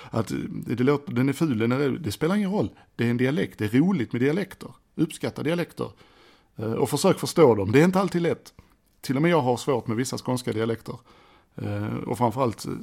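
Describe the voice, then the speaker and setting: A middle-aged man talks alone into a desk microphone for his podcast. His voice has a gravelly edge and a middling pitch. He rambles cheerfully, jokes at his own expense and keeps restarting his sentences. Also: lively intonation, darkish tone. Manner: rambling, self-deprecating, chatty with many restarts. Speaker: podcast host. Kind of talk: casual solo podcast monologue. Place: indoors at a desk. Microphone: desk microphone by a computer.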